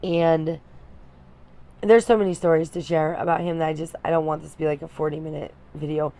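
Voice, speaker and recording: A young woman with a slightly low-pitched voice speaks directly to her viewers. She tells a painful personal story candidly, her emotion showing as she pauses and starts her sentences over. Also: steady tone, warm tone. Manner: candid, emotional, halting with many restarts. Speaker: vlogger.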